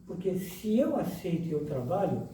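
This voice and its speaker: A man delivers a spiritual lecture in a lively way, firing questions at his listeners and teasing them. His voice sits a little high. It comes from some way off in a very echoey room, with steady noise behind it. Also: normal speed, distant mic. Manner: lively, questions the audience and jokes. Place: lecture hall.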